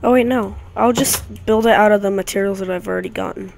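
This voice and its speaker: A woman's voice: medium pitch, steady tone, fast, gravelly, darkish tone. A woman rambling through casual gameplay commentary with chatty asides to her viewers, recorded on a desk mic at home. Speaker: gaming YouTuber. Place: home room with dogs nearby. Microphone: desk mic near a clicky keyboard.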